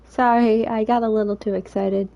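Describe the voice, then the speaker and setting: A woman voicing a cheerful, excitable teenage girl who talks eagerly. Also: fairly high pitch, normal speed, vocal fry, muffled recording. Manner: eager, bouncy.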